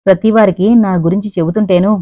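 A woman voicing a playful, pampered rich young woman who talks in a lively, teasing way. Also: medium pitch, fast, no echo, close to an everyday voice. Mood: curious. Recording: dry, narrow phone-like sound.

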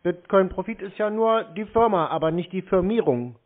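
On a tinny, narrow phone line, a man with a high-pitched, animated voice talks at normal speed. He's a scambaiter taking scam calls, needling the caller in a sardonic, sarcastic prank chat.

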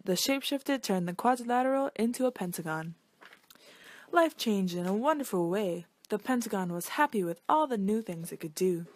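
A woman reads a children's picture book aloud in an expressive storytelling style. Her voice is medium-pitched and her pace a little fast.

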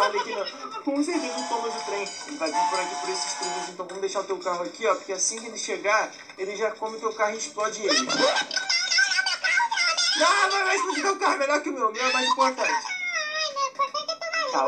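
A man with a Brazilian Portuguese accent giving excitable let's-play commentary, full of shouts and exclamations. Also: sits high, low-quality recording. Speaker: gameplay commentator. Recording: loud game music behind. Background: loud game music.

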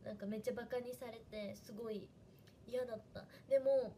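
A young woman with a Hiroshima dialect chats away on her livestream in a fairly high voice. She is animated and talkative, and she thanks viewers by name as she goes. A faint hiss sits behind her. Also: a little fast. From Fukuoka, Japan. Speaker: idol trainee livestreamer. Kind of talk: casual livestream chat.

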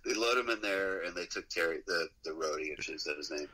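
Middle-aged man, very low voice, bright tone, husky, profane rambling storyteller. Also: fast, rough recording. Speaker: musician guest. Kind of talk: casual storytelling interview.

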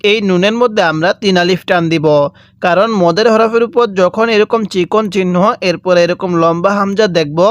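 A man teaching Quran reading, spelling out letters and vowel marks and drawing out syllables slowly for listeners to repeat after him. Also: sits high, no echo. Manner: draws out recited syllables very slowly. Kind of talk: step-by-step recitation lesson.

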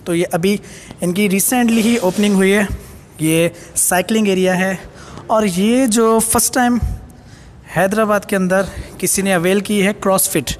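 A young man from Pakistan giving an excited walking tour of a large gym as a fitness vlogger, filming on a handheld phone. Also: high-pitched, unhurried, slight background noise. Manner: excited, enthusiastic, mixing in English phrases. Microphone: handheld phone camera. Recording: long hall reverb, faint ambience.

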